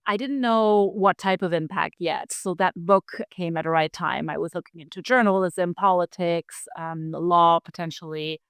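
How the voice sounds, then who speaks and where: In her thirties and speaking with a German accent, this woman chats casually as an interview guest, her speech full of fillers like "like" and "you know." Her voice sits fairly low, with fairly even intonation, normal speed and few pauses. The tone is a bit bright and clean, with no echo.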